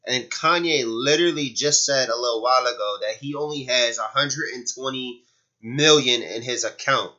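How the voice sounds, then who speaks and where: A man's voice: mid-range voice, normal speed, pushed and bright, highs cut off. A male streamer reacting to a clip in casual, slangy talk, stammering and laughing often.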